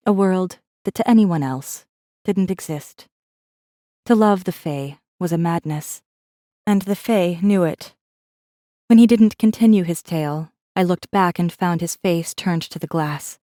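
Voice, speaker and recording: An audiobook narrator voices a defiant rebel heroine telling her own story in first-person scripted narration. Her low, warm voice is controlled, introspective, guarded, and wry. The recording is dry and close, near an everyday voice.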